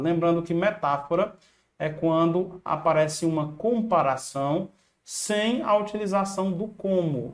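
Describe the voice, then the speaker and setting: Upbeat Brazilian man teaching a lesson. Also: high-pitched. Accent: Brazilian Portuguese. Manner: casual, encouraging, uses slang. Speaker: exam prep teacher. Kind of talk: online video lesson.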